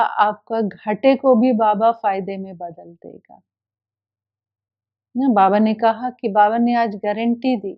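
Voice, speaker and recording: Slow, measured woman giving spiritual teaching. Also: fairly high pitch. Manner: unhurried, explaining with repeated reported teachings. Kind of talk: daily spiritual discourse. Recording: dull lo-fi recording.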